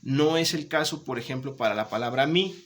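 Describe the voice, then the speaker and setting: This male teacher has a mid-range voice and talks fairly quickly, with slight background noise. Running a remote class, he explains patiently, repeats points, checks in often and warmly encourages his students.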